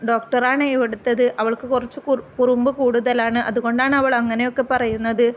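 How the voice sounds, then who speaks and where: A woman voicing a tender young man, a gentle professor who speaks softly and reassuringly. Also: fairly high pitch, level tone, a little fast, lo-fi sound, slight background noise, natural voice.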